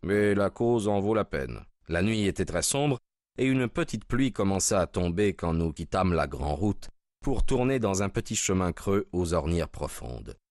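A man narrating a story aloud in an even, measured reading voice. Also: low voice, dry recording, studio quality. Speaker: audiobook reader. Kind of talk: scripted narration.

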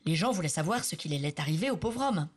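A woman narrating a children's story with an expressive, animated reading. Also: sits low, quick pace, husky.

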